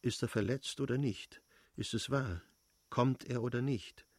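A man's voice: mid-range voice, a little slow, a little mellow, no room sound, lightly acted. A man reading a distraught young noblewoman. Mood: tense.

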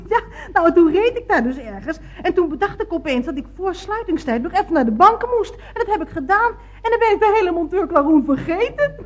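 A woman's voice: extremely high pitch, very animated, fairly quick, dull audio. An actress playing a scatterbrained, chatty woman motorist rambling on the phone in a radio comedy. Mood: chattering. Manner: gushing, giggly, rambling.

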